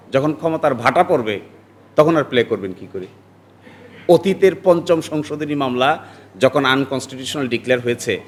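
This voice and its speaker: A man in his forties, a lawyer from Bangladesh, giving emphatic political commentary that rises into forceful outbursts. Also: a little high.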